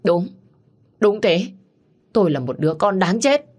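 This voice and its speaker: A woman narrator voicing a grief-stricken young woman who pleads loudly with her dead mother in an audio story. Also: very animated, measured pace, husky. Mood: bitter. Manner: sobbing pleas, high and loud.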